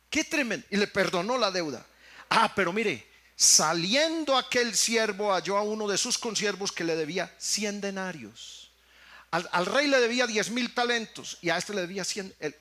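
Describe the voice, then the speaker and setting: Mexican pastor guy preaching, highish voice, keeps repeating himself, calls everyone brother. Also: expressive, normal speed, bright, forceful tone. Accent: Mexican Spanish. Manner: preaching with emphatic repetitions, addressing the congregation as brothers. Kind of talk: sermon.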